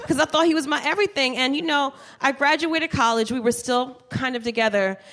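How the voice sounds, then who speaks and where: A woman in her thirties doing stand-up on a club stage into a handheld mic, telling a story, profane and animated, talking to the crowd. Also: high-pitched, fairly quick. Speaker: stand-up comedian. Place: comedy club stage with live audience. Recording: live show with faint room noise.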